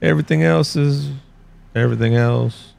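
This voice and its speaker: A man chats loosely on a podcast with friends. His voice sits at an everyday pitch with a gravelly fry. He rambles, trips over his words and restarts, always joking. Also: moderate pace, darkish tone. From Texas. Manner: rambling, restarts mid-sentence, jokey. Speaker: podcast co-host. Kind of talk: casual chat.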